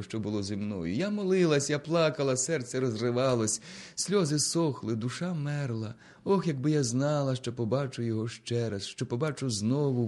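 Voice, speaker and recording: A man voicing a frightened young orphan woman who speaks in a soft, plaintive, hushed way. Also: medium pitch, lightly acted.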